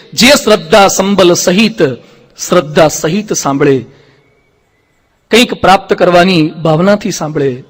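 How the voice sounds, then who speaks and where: High-voiced monk preaching in a reverberant hall. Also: male voice. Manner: lively storyteller who acts out quoted speech. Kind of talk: devotional sermon storytelling.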